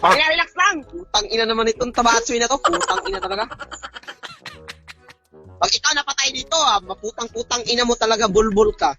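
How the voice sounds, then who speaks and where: A young man shouting constant curses and insults at his opponent while playing a game. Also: very high-pitched, expressive, fairly quick, vocal fry, highs cut off. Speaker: gamer trash-talking an opponent. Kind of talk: heated gaming banter. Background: game music.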